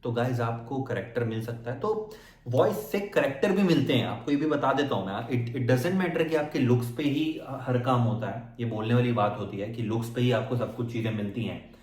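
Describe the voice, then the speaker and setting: A man's voice: medium pitch, normal speed, darkish tone. A male acting coach giving a casual motivational lesson, talking directly to viewers and often checking that they are following. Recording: echoey room.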